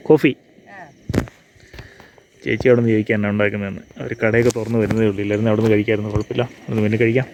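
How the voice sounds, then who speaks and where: A man's voice: lowish voice, level tone, racing, long pauses, background noise. A man gives casual outdoor vlog commentary, mixing English words into his Malayalam as he narrates what he is doing. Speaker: travel vlogger. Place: outdoors at a hilltop viewpoint before and at dawn.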